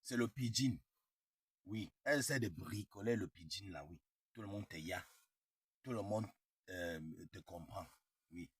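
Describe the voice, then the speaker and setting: A man's voice: low-pitched, measured pace, long pauses, slightly rough, no echo. A young man chatting casually, repeating himself and sprinkling English words into his French. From Cameroon. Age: young adult. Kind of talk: casual chat.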